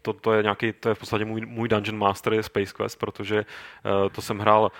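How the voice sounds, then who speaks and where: A man chatting on a gaming podcast, rambling through restarts and getting animated when he makes a point. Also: lowish voice, no echo. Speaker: podcast co-host. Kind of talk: casual chat about games.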